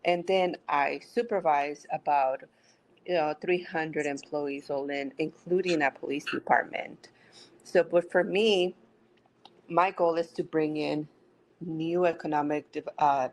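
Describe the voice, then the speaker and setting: A middle-aged woman from Mexico, a city manager, answering interview questions in a measured, explanatory way. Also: low voice, poor audio. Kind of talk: podcast interview.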